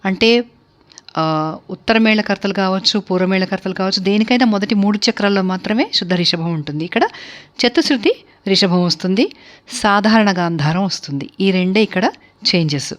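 A woman's voice: medium pitch, fairly quick. A woman from India giving a spoken music theory lecture, explaining steadily and listing terms one by one.

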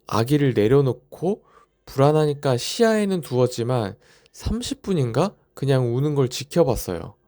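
Narrating a parenting vlog, a young man who has just become a father speaks in a dark, mellow, mid-range voice. His style is reflective and personal, like telling a story.

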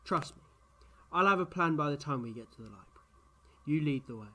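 Man playing the Doctor, animated eccentric time-traveller. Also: on the high side. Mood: confident, breezy. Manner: animated, theatrical, quick to bluster. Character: eccentric, confident, impulsive male time-travelling alien hero. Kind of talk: sci-fi audio drama acting.

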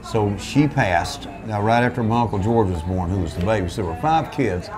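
Rambling folksy older restaurant owner. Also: male voice, fairly low pitch, animated, normal speed, a crowd in the background. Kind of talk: relaxed storytelling interview. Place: small restaurant back room, indoors. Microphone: seated at a table, camera in front.

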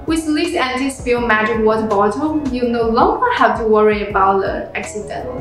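Brief: young female product presenter, fairly high voice, scripted read, heavy room echo, music behind. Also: normal speed. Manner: reads a script, plain and steady, with non-native phrasing. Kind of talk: reading a product review script. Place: small room indoors. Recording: very echoey room with background music.

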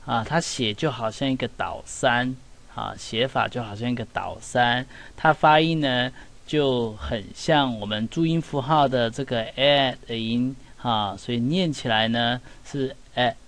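A middle-aged man giving a relaxed English pronunciation lesson in Mandarin. He talks in a chatty way and keeps asking the class "right?" and "see?". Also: mid-range voice, a little slow. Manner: chatty, with many "哈" and "有没有" asides. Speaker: English teacher.

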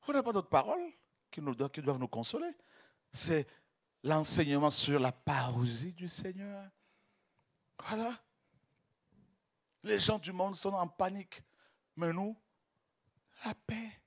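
A man preaching an ecstatic sermon, swinging from hushed murmurs to shouted cries, repeating and stumbling over words in his fervor. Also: high-pitched, expressive, unhurried, long pauses.

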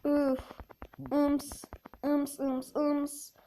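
High-pitched woman rambling excitedly over a game, playful and chatty, bit of faint noise behind. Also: extremely slow. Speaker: gaming channel host. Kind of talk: casual gameplay commentary.

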